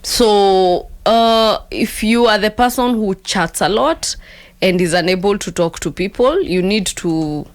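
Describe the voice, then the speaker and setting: A woman's voice: medium pitch, animated, unhurried, no room sound. A woman with a Kenyan accent giving conversational relationship advice in a mix of English and Swahili, repeating phrases for emphasis. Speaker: talk show host giving relationship advice.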